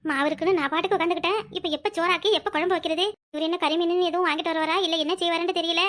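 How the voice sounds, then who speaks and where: Woman voicing a shrill fretful village housewife. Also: fairly even intonation, fairly bright tone. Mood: fretful grumbling. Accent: Kanyakumari Tamil. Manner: grumbling, quick, scolding. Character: harried village daughter-in-law, fretful, sharp-tongued. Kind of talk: cartoon voice acting.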